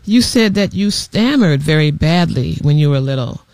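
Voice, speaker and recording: Radio host, high voice, dry close sound, eager interviewer. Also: male voice, lively intonation, moderate pace, darkish tone, dry recording. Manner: enthusiastic, friendly interviewer.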